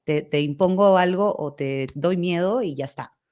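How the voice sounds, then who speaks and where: A woman's voice: on the low side, moderate pace, darkish tone. A young woman co-hosting a podcast, talking casually and hesitantly, searching for words and often adding "right?". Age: young adult. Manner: hesitant, searching for words, frequent tag questions. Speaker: podcast co-host, art teacher. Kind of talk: casual conversation.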